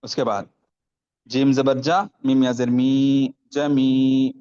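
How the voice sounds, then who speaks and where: Slow, patient man drilling syllables. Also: medium pitch, flat delivery, mellow, smooth, highs cut off. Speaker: Quran reading teacher. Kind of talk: online spelling-out lesson.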